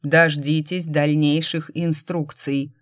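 A woman reading an audiobook voices a ship's computer, giving its announcements in a loud, flat, metallic way. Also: deep voice, slow. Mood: monotone. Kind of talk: audiobook narration.

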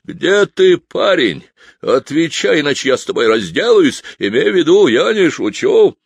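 A man voicing a menacing adult showman villain who shouts in a theatrical, booming way. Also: a little slow, no room sound. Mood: threatening.

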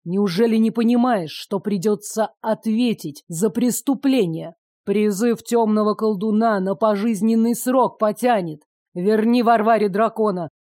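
An earnest young hero reasons and pleads with his captors, read by a woman narrator. The voice stays mellow and close to her own. The recording is dry and close. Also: mid-range voice, measured pace, no echo, lightly acted. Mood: urging. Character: earnest young male dragon-shifter hero.

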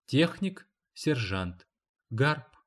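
Male reader voicing a sleepy young mother, terse, independent, calm, storybook. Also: mid-range voice, very slow. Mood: drowsy.

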